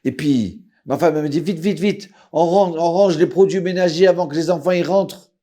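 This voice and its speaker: A man, telling a personal story in a lively way and acting out the voices. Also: fairly high pitch, brisk. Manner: lively, acts out voices, swings loud and soft.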